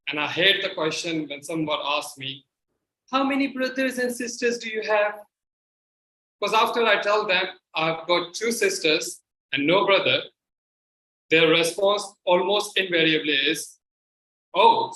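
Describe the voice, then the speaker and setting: A man delivering a rehearsed tall-tale speech in a dramatic, mock-plaintive way with deliberate phrasing. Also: sits high, bright, forceful tone. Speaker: contestant in a speech contest. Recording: echoey room, faint background noise.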